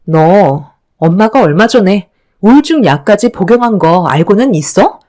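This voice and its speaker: A woman's voice: mid-range voice, expressive, normal speed, a little mellow, close to an everyday voice. A woman voicing an older sister who harshly scolds her younger sibling in a radio story reading. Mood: angry scolding. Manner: harsh, reproachful lecturing.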